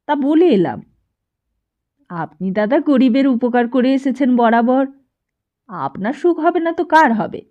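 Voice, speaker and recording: Lady putting on a sharp scolding mom voice, high and loud, muffled lo-fi sound. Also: expressive. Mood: indignant scolding. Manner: exclaiming, scolding, quick to anger. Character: scolding middle-aged Bengali mother, sharp-tongued. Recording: dull lo-fi recording.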